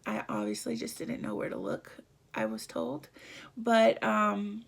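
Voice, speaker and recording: A woman vlogger telling a personal story in a halting, emotional way, often dropping to a near whisper. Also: medium pitch, big pitch swings, vocal fry.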